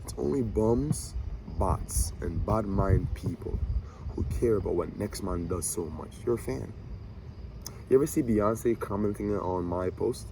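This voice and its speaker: A man in his twenties giving an animated, preachy motivational monologue to camera, talking to himself and his viewers with swagger. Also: on the low side, unhurried, vocal fry, noisy background. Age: 20s. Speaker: vlogger.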